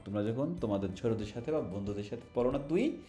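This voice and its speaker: A man's voice: mid-range voice, animated, quick pace, roomy sound, music in the background. A Bangladeshi man teaching children English in an online lesson, patient, asking questions and having them repeat words.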